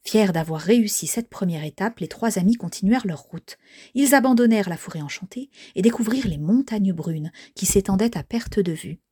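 Woman softly reading a children's story. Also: medium pitch, expressive, a little fast, husky, dry recording, clean studio sound.

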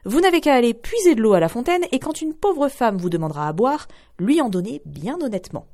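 A harsh, scheming mother barks orders in a sharp, raised voice, as a woman reader puts her on. The pitch sits high and swings widely. She sounds commanding. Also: big pitch swings, brisk. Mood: demanding.

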